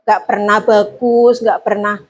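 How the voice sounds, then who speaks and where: A woman teacher giving a training presentation to fellow teachers, explaining with lively acted examples. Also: mid-range voice, measured pace, slightly rough, lo-fi sound. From Indonesia.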